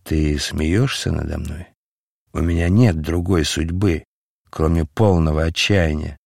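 Bitter, lovesick man in despair for an audiobook, low and gloomy, read by a man. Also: a little slow, creaky, a little mellow, no room sound, clean studio sound, full character voice.

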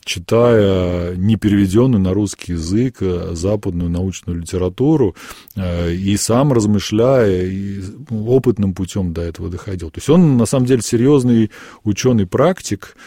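A man talks as a priest in a radio discussion. His voice is deep, dark and gravelly, with a husky edge. His delivery is measured and reflective, and he pauses often to think. The studio sound is close and dry. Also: no echo. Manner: measured, thoughtful, many pauses and fillers. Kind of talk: radio discussion of church writings.

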